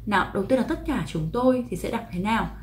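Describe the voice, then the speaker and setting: A woman teaching English pronunciation in a video lesson, explaining patiently and slowly repeating each example. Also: mid-range voice, lively intonation, a little hiss or hum.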